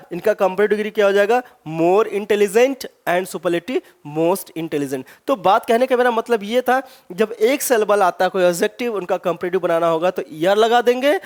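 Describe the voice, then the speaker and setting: A male English teacher giving an exam-prep grammar lesson, asking many rhetorical questions and saying his example words slowly with stress. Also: high-pitched.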